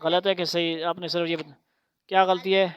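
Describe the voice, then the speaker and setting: A woman teaching Quran recitation to a child, spelling out syllables slowly for repetition and then explaining rules in quicker bursts. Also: on the low side, little pitch movement, highs cut off.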